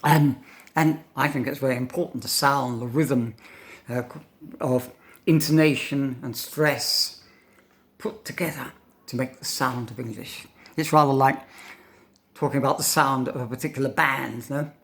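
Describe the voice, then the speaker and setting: An older male teacher talks through his lesson in a thoughtful, unhurried way, pausing often and stressing single words to show how they sound. His voice sits at a middle pitch, and he checks in with his listener with a quick "no?" after his points. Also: fairly even intonation, a bit bright. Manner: thoughtful, pausing, demonstrates intonation aloud; tags questions with "no?". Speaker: English teacher. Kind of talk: informal spoken lesson.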